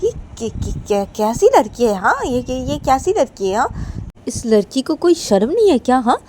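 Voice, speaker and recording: A woman's voice: mid-range voice, fairly even intonation, slow pace, dark tone, a little hiss or hum, lightly acted. A woman voicing a shocked, outraged young woman friend who keeps firing back "haan?" in indignant bursts. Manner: repeats "haan?" in rising indignant outbursts.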